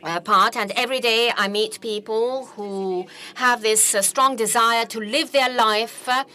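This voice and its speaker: Bright-voiced woman giving halting religious testimony. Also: on the high side, steady tone. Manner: halting delivery with frequent hesitant pauses.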